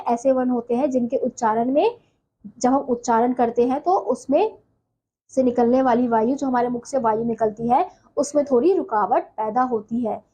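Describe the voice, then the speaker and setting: A woman's voice: a little high, warm tone, husky, low-quality recording. A woman teaching a Hindi grammar lesson, who asks her class questions and answers them herself.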